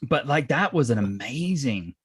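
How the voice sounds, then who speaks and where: A man's voice: mid-range voice, lively intonation, moderate pace, a bit bright, breathy edge, no echo. A man hosting a casual podcast interview, chatty, with many fillers and frequent laughs. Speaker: podcast host.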